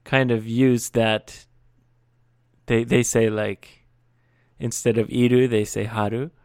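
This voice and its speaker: A man who speaks English as his first language talks very slowly and deliberately, with a smooth, clear voice, teasing his co-host. The sound is dry and close, with no room around it. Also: medium pitch, level tone, darkish tone, no echo. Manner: teasing, slow deliberate phrasing. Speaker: podcast co-host. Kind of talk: casual chat.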